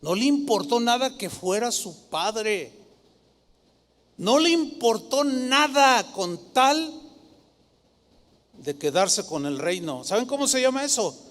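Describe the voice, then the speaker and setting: Male pastor, high-pitched and theatrical, preaching in a reverberant church. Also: takes it slowly, long pauses. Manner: dramatic preaching, mimics flatterers in a sugary voice. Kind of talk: sermon.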